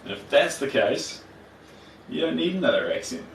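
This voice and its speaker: A man with a thick, broad Kiwi accent talks in a middle-pitched voice, hosting a casual livestream. His manner is encouraging and reassuring as he replies to viewers. The sound is roomy, picked up at some distance from the mic. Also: sing-song, moderate pace, a little hiss or hum. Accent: broad New Zealand. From New Zealand. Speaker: livestream host. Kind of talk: casual livestream chat while working, replying to viewers.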